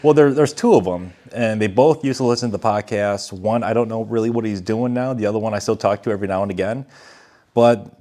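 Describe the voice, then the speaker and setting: A man's voice: lowish voice, fairly quick, dark tone. A man co-hosting a casual gaming podcast, telling long, rambling stories with chuckles and the odd swear word. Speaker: podcast co-host. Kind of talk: casual chat.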